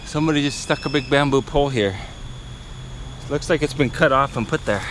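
Medium-pitched, fairly quick, and a bit bright, this forties-aged male vlogger's voice carries slight background noise. Filming on a handheld action camera, he narrates chattily to viewers as he hikes through a tropical jungle by a river.

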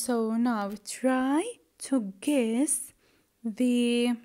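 A woman English teacher giving a recorded pronunciation lesson, repeating each word slowly and checking in with "okay?" after nearly every line. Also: a little high, mellow. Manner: slow, repetitive drilling with frequent "okay?" checks.

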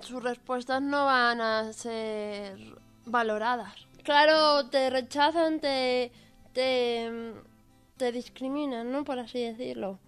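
A young Spanish woman in her twenties with a smooth, clear and fairly high voice. She searches for words and repeats them as she answers. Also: fairly even intonation, takes it slowly, fairly bright tone, soft background music. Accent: Spanish from Spain. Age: 20s. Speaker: program participant.

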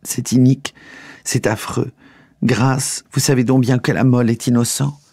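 A man voicing a young frightened queen pleading with her dying brother, his voice pushed high and exclaiming. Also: steady tone, normal speed, gravelly, dark tone, breathy edge, dry recording, studio quality. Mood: pleading, aghast.

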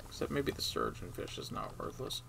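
A man's voice: lowish voice, huge pitch swings, fairly quick, creaky, noisy background. A man streaming a video game, grumbling sarcastically and talking to himself and the characters as he plays. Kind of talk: casual gameplay commentary.

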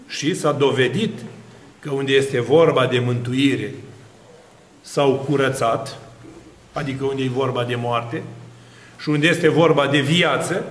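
A man, an Orthodox priest, preaching a sermon with lively rhetorical questions and long spoken lists. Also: mid-range voice, reverberant.

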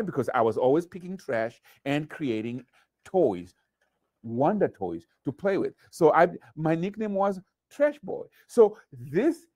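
Animated man from Zimbabwe telling children a story. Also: dry recording. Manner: animated, playful sound effects, big pitch swings. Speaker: artist and youth presenter. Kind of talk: lively storytelling lesson for children. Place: studio with painted backdrop.

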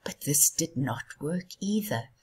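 A woman reading a children's story aloud in a soft, hushed, half-whispered way. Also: sits low, lively intonation, slow pace, breathy edge. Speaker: storybook reader.

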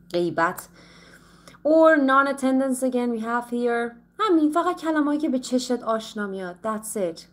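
A Persian-speaking woman teaching English in a playful, lively way, slowing down carefully whenever she speaks English. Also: mid-range voice. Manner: switches between Persian and slow, carefully spoken English. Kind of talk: live online English lesson.

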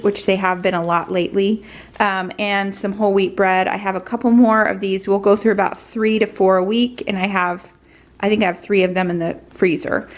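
A woman in her forties chatting casually to a handheld camera in her home kitchen, listing groceries and prices with fillers and asides. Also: mid-range voice. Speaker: family vlogger. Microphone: handheld camera at arm's length.

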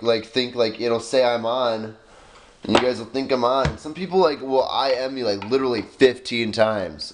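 A man's voice: fairly low pitch, noisy background. Rambling young-sounding male vlogger. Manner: rambling, heavy on "like" fillers. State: just woken up. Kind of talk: casual daily vlog chat.

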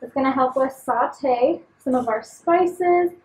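In a large indoor studio kitchen, a young woman demonstrates cooking in an upbeat, instructive way, talking while she handles food. Her voice is high-pitched and slow with a darkish tone, and the echoey recording, made with a slightly distant mic, has a little hiss or hum.

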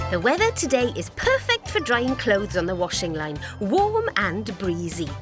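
A woman narrating a preschool cartoon story in a slow, sing-song, encouraging way. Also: mid-range voice. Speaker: storyteller and presenter.

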